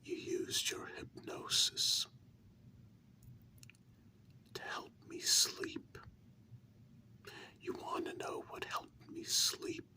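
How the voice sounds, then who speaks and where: In this ASMR role-play, a performer whispers as the tender, candid human lover of a vampire. The speech is intimate, halting and reassuring, with a tender, reminiscing mood.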